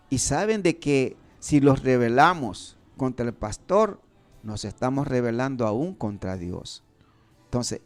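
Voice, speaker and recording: A man from Nicaragua preaching a live radio sermon, earnest and halting, with frequent fillers and restarts, and serious in manner. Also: medium pitch, darkish tone. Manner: describes himself as serious. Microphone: radio studio microphone.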